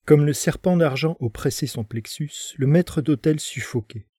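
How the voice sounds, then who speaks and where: A man narrating a dramatic story in an expressive, theatrical way. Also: fairly high pitch, normal speed, breathy edge, no echo.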